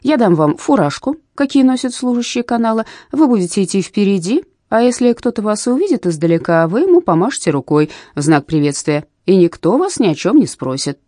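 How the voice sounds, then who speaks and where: A woman voicing an excitable, scheming canal worker. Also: medium pitch, no echo, studio quality, voice pushed up, lightly acted. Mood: coaxing. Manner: wheedling, drawn-out exclamations.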